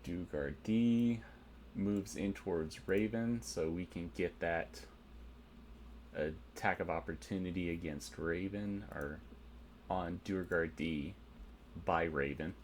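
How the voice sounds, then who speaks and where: A man's voice: deep voice, fairly even intonation, takes it slowly, a little hiss or hum. A man narrating a tabletop game as game master, methodically explaining rules and dice rolls.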